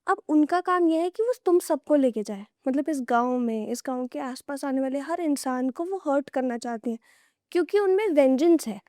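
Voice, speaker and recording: A young woman with a high-pitched, darkish voice tells horror stories casually as a guest on a podcast, speaking at normal speed. She draws the listener in with what-if scenarios in a conversational way. The recording is dry and studio quality.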